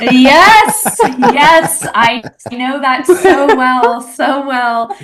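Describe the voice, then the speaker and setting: A woman's voice: high-pitched, expressive, extremely slow, a crowd in the background. A young adult woman co-hosting an interview podcast, gushing and rambling in casual chat. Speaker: podcast co-host.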